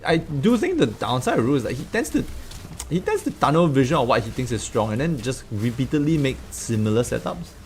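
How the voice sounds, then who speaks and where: A man's voice: mid-range voice, a little fast, slight background noise. A man from Singapore with a Singaporean English accent, giving loose, joking commentary on a game livestream, swearing and crying out often. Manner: animated, swearing, joking, frequent exclamations. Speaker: game streamer. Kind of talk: casual livestream gaming commentary.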